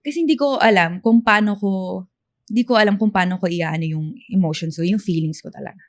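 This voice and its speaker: A young woman in her twenties from the Philippines, co-hosting a podcast in casual chat, soft-spoken and hesitant. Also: medium pitch, brisk. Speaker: podcast co-host.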